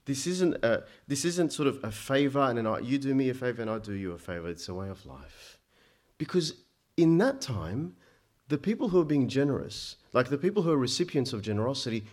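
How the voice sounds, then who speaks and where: An Egyptian-born man preaches a sermon with emphasis, climbing to loud peaks and then dropping low. He often stammers and restarts.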